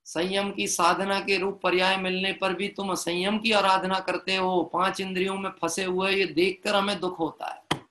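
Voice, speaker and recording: A man giving a devotional sermon, telling a parable, chanting verses slowly and often checking in with listeners through rhetorical questions. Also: sits high, level tone, bright, forceful tone, a little hiss or hum. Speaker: Jain preacher.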